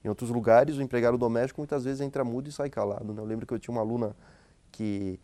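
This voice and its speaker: A man's voice: medium pitch, steady tone, rapid-fire, dark tone, no echo. Male academic guest, mid-range voice, dry close sound, chatty explainer who keeps tagging his sentences with questions. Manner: frequent tag questions and hesitant restarts. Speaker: guest sociologist and professor. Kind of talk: relaxed explanatory conversation.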